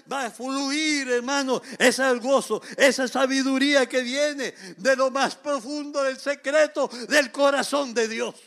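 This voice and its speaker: A man's voice: sits high, fairly bright tone. A man preaching a fervent sermon in a church, repeatedly calling his listeners "brother". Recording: long hall reverb.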